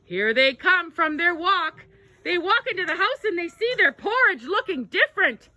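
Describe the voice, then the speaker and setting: A woman's voice: extremely high pitch, very animated, normal speed, pushed and bright, no echo. A woman narrating a children's storybook tale aloud, with dramatic exclamations and gasps.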